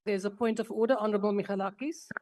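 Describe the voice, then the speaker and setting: A woman's voice: medium pitch, fairly even intonation, quick pace, mellow. A woman presiding as deputy speaker, formally and firmly calling for order over interruptions. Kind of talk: formal procedural rulings. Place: parliament chamber.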